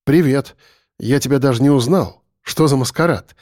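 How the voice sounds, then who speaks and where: A man voices a casual, teasing male acquaintance at a normal speed, his medium-pitched voice darkish in tone and close to an everyday voice. The recording is dry with clean studio sound.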